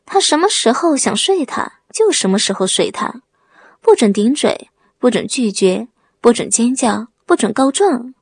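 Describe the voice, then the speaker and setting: A woman's voice: fairly high pitch, big pitch swings, unhurried, breathy edge, no room sound, full character voice. A woman voicing a stubborn, smug young husband from the countryside who blusters and boasts. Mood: blustering.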